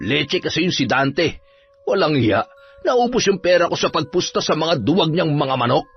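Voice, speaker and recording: A man voicing a drunk, abusive middle-aged father who yells and threatens. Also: on the high side, big pitch swings, measured pace, pitched above the performer's own voice. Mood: drunk mocking. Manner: slurring, bullying, yelling threats. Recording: dull audio, soft music behind.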